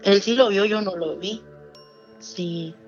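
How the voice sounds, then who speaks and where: Over soft background music on a muffled recording, a woman takes her time recounting a true scary story in casual talk. Her voice sits in the mid-range, she has a Mexican Spanish accent, and she animatedly acts out the characters' lines.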